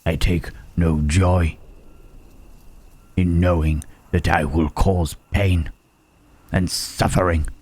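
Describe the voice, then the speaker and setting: A man playing a gentle, brooding, melancholy monster in an ASMR roleplay, with halting, solemn, formal speech and a breathy voice. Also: fairly even intonation, full character voice. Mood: sorrowful, earnest. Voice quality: husky, breathy, deep.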